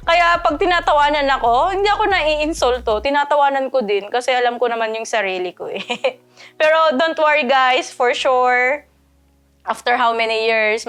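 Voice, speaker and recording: A woman's voice: on the high side, fairly bright tone, clean tone. Chatty woman nurse from the Philippines. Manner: chatty, mixing languages, laughs often. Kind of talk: casual vlog talk.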